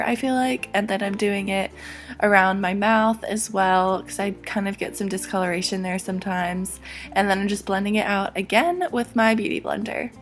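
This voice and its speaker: A young woman with a hoarse, slightly sick voice, chatting through a makeup tutorial as a beauty vlogger. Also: mid-range voice. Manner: chatty, upbeat product talk with many "like"s.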